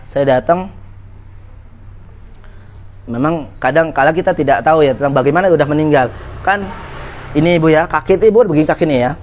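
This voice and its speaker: A man's voice: on the high side, fairly quick, pauses often, slight background noise. A man preaching an Islamic study lecture to women, in a conversational way, often putting questions to his listeners. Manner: conversational, asks the audience questions.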